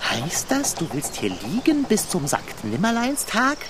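A man's voice: sits high, huge pitch swings, a little slow, noisy background, exaggerated voice. A man voicing a pompous, sarcastic tomcat in a radio play, speaking in stilted old-fashioned phrases. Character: pompous male tomcat, dry and condescending.

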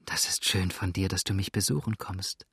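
A man voicing a sick, confused young woman who speaks softly and wonders aloud in a storybook reading. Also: deep voice, steady tone, moderate pace, breathy edge, dry recording, clean studio sound, voice pushed down, exaggerated voice. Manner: soft, gently puzzled.

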